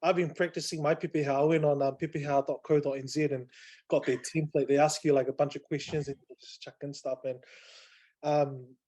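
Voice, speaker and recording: A man from New Zealand moderates a video call in a relaxed, hesitant way with lots of ums and fillers. His voice is on the high side and a little fast.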